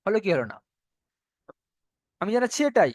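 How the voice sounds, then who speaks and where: A fairly high-voiced man, his pitch swinging widely, guides an online tajweed class through each rule of Quran recitation step by step. He lengthens the recited words slowly for students to imitate, and the audio is close-miked and dry with no room echo.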